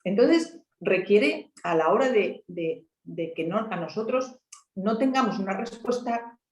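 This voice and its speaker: A woman's voice: medium pitch, animated, unhurried, echoey room, poor audio. A woman from Asturias with a Spanish accent in a conversational talk, explaining patiently and peppering her points with tag questions. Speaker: helpline volunteer speaker.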